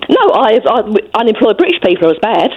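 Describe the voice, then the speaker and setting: A woman's voice: medium pitch, very animated, a little fast, slightly rough. A woman calling in to a radio show over a phone line, arguing insistently and repeating her points. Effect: heard down a phone line on air. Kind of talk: heated on-air argument. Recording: muffled phone line with faint hiss.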